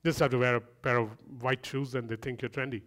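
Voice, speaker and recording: A man's voice: medium pitch, steady tone, brisk, a bit bright. A man preaching a sermon in a conversational way, with humorous asides and repeated phrases that build up.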